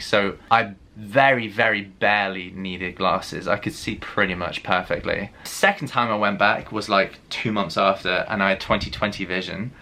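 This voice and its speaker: Young male vlogger, lowish bright voice, candid chatty storyteller. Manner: candid, chatty, full of "like" fillers. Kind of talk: personal story vlog.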